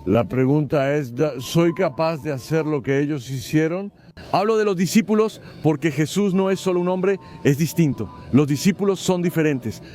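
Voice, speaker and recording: A man answers a street interviewer in a measured, hesitant way, pausing to search for his words. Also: fairly high pitch, mellow, soft background music.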